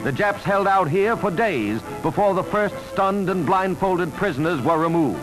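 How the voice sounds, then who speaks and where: Old newsreel guy, high voice, swings up and down a lot, loud music under him. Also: lively intonation, rough recording. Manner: brisk, emphatic announcer delivery. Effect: old newsreel soundtrack. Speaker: newsreel narrator. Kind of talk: 1940s newsreel narration. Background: loud music score.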